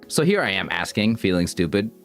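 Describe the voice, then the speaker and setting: A young streamer rambles casually to his viewers, self-conscious and prone to stumbling and restarting lines. His fairly low voice is very animated and a little fast, with soft music playing behind.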